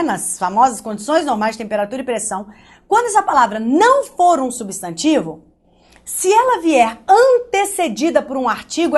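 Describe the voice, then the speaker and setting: High, lively Brazilian woman teacher. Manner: lively, joking, talks straight to the student. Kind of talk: online grammar lesson.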